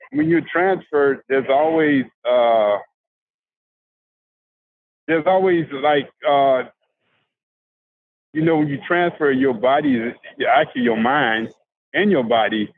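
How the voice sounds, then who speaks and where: An older man from South Carolina, a guest talking about life after prison in a halting, casual way with many restarts. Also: mid-range voice, slight background noise. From South Carolina, USA. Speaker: formerly incarcerated guest. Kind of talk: casual conversational interview. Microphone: handheld phone on a video call. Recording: dry, tinny phone-like video call audio.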